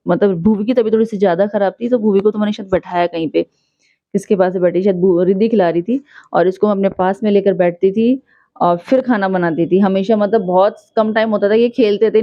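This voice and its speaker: A woman's voice: medium pitch, no room sound. Chatty woman vlogging at home. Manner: chatty, rambling, self-mocking. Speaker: family vlogger. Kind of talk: casual home vlog chat. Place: family home indoors. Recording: slightly muffled phone audio.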